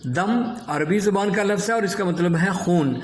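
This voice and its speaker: A man teaching an Urdu lesson, explaining word meanings and correcting pronunciation by repeating words slowly. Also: high voice, roomy sound.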